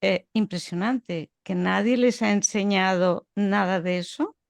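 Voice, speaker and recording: Woman host, slow delivery, dry close sound. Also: medium pitch, steady tone, creaky, dry recording. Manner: brief reactive interjections, reflective. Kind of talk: interview conversation.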